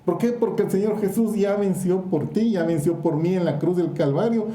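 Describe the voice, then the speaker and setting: A man's voice: high-pitched, moderate pace, mellow, roomy sound. A man with a Guatemalan Spanish accent preaching a fervent sermon in church, directly questioning his congregation.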